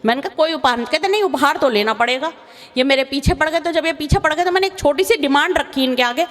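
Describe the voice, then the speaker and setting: High-voiced woman poet on a big stage. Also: fast talker, fairly bright tone. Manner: chatty storytelling, breaks into sung verse. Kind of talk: comic poetry recital. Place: large hall with live audience. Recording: faint noise, long hall reverb.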